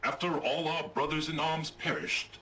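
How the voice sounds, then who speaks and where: An actor playing a pompous, old-fashioned robot naval captain in a video game, with theatrical gentlemanly diction. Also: male voice, a little high, moderate pace, a little hiss or hum. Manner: grandiose, lively commanding delivery. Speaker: ship's captain.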